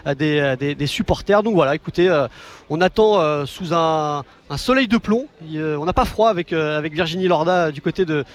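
A man's voice: on the high side, a little fast. A man doing a live field report, talking off the cuff with many fillers and restarts.

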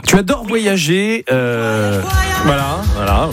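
Animated man hosting a radio game. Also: on the high side, slow, music in the background. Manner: animated, playful, hurries players. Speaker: game show co-host.

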